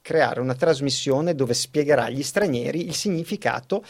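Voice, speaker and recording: A man's voice: mid-range voice, lively intonation, normal speed. A man hosting a radio talk show in a studio, chatting animatedly and laughing often, with frequent restarts. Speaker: radio host. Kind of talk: casual studio chat.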